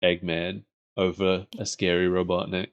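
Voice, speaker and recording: A man's voice: sits low, level tone, moderate pace, dull audio. A man co-hosting a podcast, chatting casually about cartoons like an enthusiastic fan. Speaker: podcast co-host. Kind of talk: casual chat reviewing cartoons.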